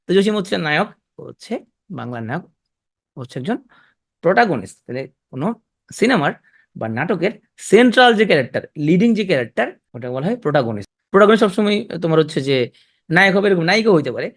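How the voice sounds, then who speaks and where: A man teaching literary terms in a loose, chatty lecture. His voice sits a little high for a man, and he keeps tossing quick questions to his students. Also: big pitch swings. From Bangladesh. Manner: conversational, asks students quick check questions. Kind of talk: exam-prep literature lecture.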